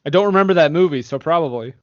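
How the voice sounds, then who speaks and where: A man's voice: fairly high pitch, animated, racing, no room sound, highs cut off. A man co-hosting a casual movie podcast, reading critics' reviews aloud and laughing often. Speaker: podcast co-host.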